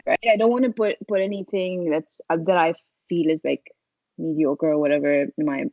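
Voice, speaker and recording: A woman's voice: deep voice, steady tone, fairly quick, dry recording. A woman chatting casually as a podcast guest, informal and hesitant as she explains herself. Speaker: podcast guest, social media video creator. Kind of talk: casual chat. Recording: dry, slightly dull audio.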